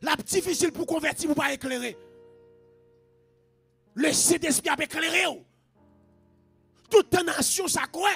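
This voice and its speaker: A Haitian preacher with a strikingly high, gravelly voice that cuts bright and sharp. He shouts and chants his sermon in rhythmic repeated phrases. Faint music plays behind him. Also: measured pace, long pauses.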